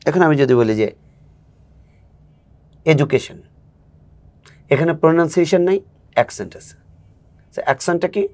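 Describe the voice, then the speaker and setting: A man's voice: fairly high pitch, animated, fast talker, a little mellow. A man who coaches spoken English, a guest in a casual interview, explaining patiently and acting out examples.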